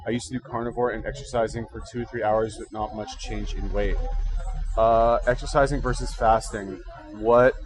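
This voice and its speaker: Having recently woken up, a man hosts a casual livestream, rambling through fitness and diet advice in slangy, informal talk and thinking aloud. His fairly low voice is steady and slightly congested at a normal speed. The audio is poor.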